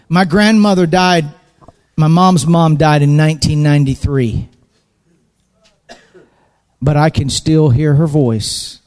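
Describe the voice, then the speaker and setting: A man's voice: a little high, darkish tone, long reverb tail. A man preaching a sermon in a church, impassioned, repeating phrases and building emphasis. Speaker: pastor. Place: church sanctuary.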